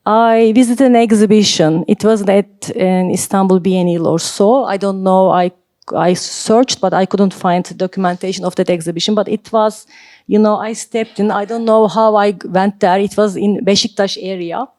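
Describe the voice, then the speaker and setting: A woman's voice: medium pitch, warm tone, no echo, clean studio sound. A woman in her forties from Turkey, telling a story as a guest at a panel talk, hesitant, with many filler sounds. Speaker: art collector, panel guest. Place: library event hall.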